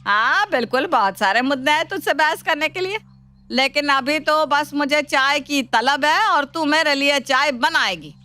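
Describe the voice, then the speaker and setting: Lady doing a mean scheming cartoon saas, bright and sharp, mocking tone. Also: high-pitched, measured pace. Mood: taunting. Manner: taunting, mocking. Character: scheming, sharp-tongued mother-in-law, taunting. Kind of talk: cartoon voice acting.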